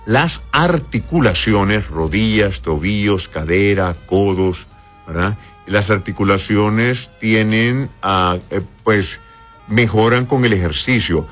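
With faint music behind him, a man speaks as a radio doctor in a fairly low, slightly bright voice at a slow pace. He reads out listeners' questions and answers bluntly and explanatorily, frequently adding a checking "right?"

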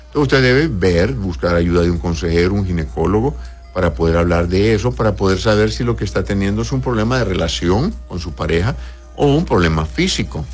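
Low-voiced male doctor answering questions. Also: expressive, a little fast, soft background music. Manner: plain advisory tone, tags "¿verdad?".

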